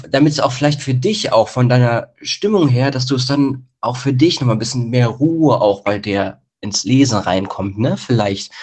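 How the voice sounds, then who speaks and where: A man's voice: medium pitch, breathy edge. Man giving rambling jury feedback. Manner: hesitant, rambling with fillers. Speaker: jury member.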